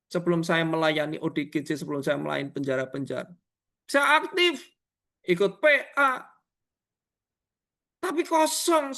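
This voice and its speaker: A middle-aged male preacher, giving a sermon over a video call, acting out prayers and dialogue and calling listeners "Saudara". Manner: swings widely in pitch and loudness, rising to near shouts and dropping to hushed asides. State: tearful when recalling prayer. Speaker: evangelist preacher.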